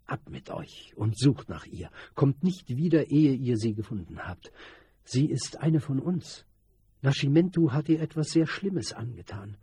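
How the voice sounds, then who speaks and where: A man's voice: mid-range voice, lively intonation, measured pace, warm tone, slightly rough, dry recording, voice pushed up. A man voicing an angry street boy who leads a gang, speaking urgently and commandingly. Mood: furious.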